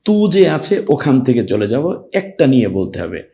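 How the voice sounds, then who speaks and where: A man teaching Quran recitation, patiently spelling out letters and vowel marks one by one, then breaking into long drawn-out melodic chanting of the verse. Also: mid-range voice, very animated, creaky, warm tone. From Bangladesh. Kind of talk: step-by-step recitation lesson.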